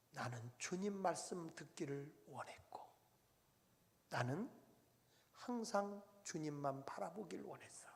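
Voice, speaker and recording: A male preacher voicing a tearful, devout older mother in a soft, half-whispered voice. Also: high voice, creaky, full character voice. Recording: long reverb of a church hall.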